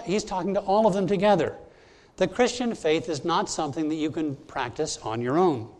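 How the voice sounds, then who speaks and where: A man preaching a sermon at a church service, speaking in a fairly high voice. He is emphatic and teaches point by point, turning to the congregation directly with instructions and questions. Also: darkish tone. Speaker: pastor.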